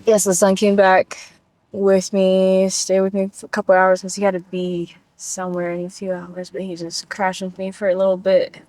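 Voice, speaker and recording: A woman tells a personal story as a show guest in a casual, blunt, profane way, slipping into the voices of the people she quotes. Her voice sits at an ordinary middle pitch for a woman. The sound is close and dry, with no room echo. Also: completely flat delivery, normal speed, darkish tone.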